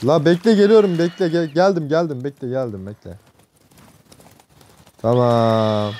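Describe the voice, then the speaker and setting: A young man from Turkey giving casual, excitable gameplay commentary, joking and swearing at the game from a desk mic at home. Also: a little high, measured pace, slight background noise. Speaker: gameplay streamer.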